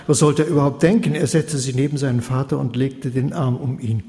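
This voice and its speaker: Male storyteller, expressive rhymed reading, long hall reverb. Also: medium pitch, fairly quick. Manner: lilting, expressive. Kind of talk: rhymed scripted narration.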